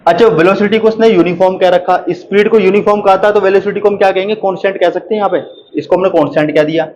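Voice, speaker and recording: A man's voice: high-pitched, rough recording. A man teaching a maths lesson, repeating each step and asking and answering his own questions. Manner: reads English problem text slowly and deliberately. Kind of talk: board lesson explaining proofs.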